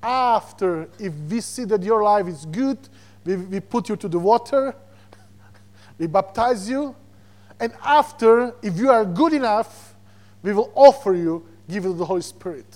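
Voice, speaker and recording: A Slovak guest preacher with a Slovak accent delivers an animated sermon in a high voice at a slightly slow pace. He repeats words while searching for them and chuckles between points.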